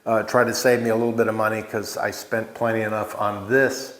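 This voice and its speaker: Low-voiced man vlogging in an echoey space. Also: little pitch movement, brisk, a bit bright. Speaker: vlog host, small farm winemaker. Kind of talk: casual unscripted walk-through vlog. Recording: echoey bare room or open space.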